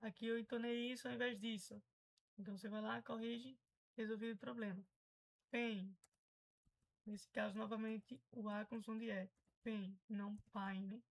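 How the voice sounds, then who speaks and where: A woman's voice: fairly high pitch, little pitch movement, fairly quick, low-quality recording. A Brazilian woman teaching English pronunciation in a casual, chatty way, patiently explaining and repeating example words.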